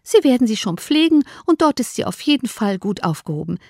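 A woman's voice: on the high side, very animated, brisk, darkish tone, dry recording. A woman reading an audiobook, voicing a dry, sardonic middle-aged father. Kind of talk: audiobook character voice.

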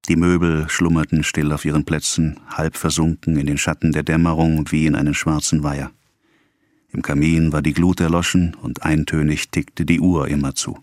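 A man reading a classic novel aloud in a measured, even way. His voice sits very low. The sound is dry and close to the mic. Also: no room sound. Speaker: audiobook narrator. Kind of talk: scripted narration.

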